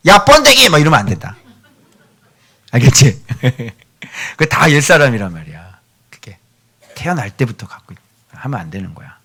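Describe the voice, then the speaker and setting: Male pastor, sermon, lively swinging pitch, bright voice, church, chatty and teasing, near-whispers at times. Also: normal speed, long pauses, slightly rough. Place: church sanctuary.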